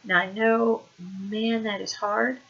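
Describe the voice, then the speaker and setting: A woman in her forties talks casually to the camera about parenting, her voice bright and forward. She often stops on ums and restarts her sentences. The recording is dull and lo-fi. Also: mid-range voice, flat delivery, slow pace, breathy edge. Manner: conversational, with frequent ums and restarts. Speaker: parent giving advice. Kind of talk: casual advice talk to camera.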